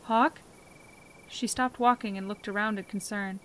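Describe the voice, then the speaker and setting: A woman giving soft, gentle, unhurried storybook narration. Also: mid-range voice, fairly even intonation, a little hiss or hum.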